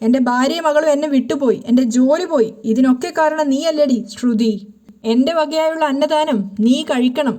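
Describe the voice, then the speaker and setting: A woman's voice: high-pitched, a little fast, dark tone, natural voice. A woman voicing a vengeful man who taunts and threatens over the phone in a serial recap, in her own narrating voice. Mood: taunting.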